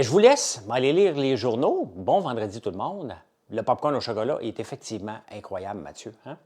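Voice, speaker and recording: A middle-aged man with a strong Québécois French accent talks casually to his live-stream viewers. He sounds chatty and keen, like an upbeat salesman. His voice sits a little on the low side. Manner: chatty, enthusiastic salesman, lively and animated. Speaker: entrepreneur hosting a live chat.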